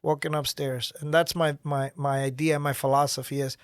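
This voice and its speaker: Energetic middle-aged man, dry studio sound. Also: a little high, moderate pace, clean tone, no echo. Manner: energetic, gestures while talking. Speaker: guest, nonprofit founder. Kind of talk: podcast interview. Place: small podcast studio. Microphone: studio mic on boom arm.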